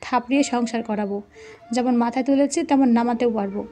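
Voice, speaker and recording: A woman's voice: fairly high pitch, brisk, dark tone, soft background music, close to an everyday voice. A woman voicing a hot-tempered, jealous young husband who speaks in angry, clipped threats. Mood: furious.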